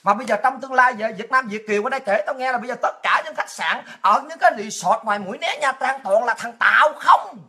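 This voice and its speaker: A woman from Vietnam, delivering a ranting, mocking monologue as a political commentator, often shouting. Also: a little high, fast, hardly any pauses. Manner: shouting, mocking, with crude insults and laughs.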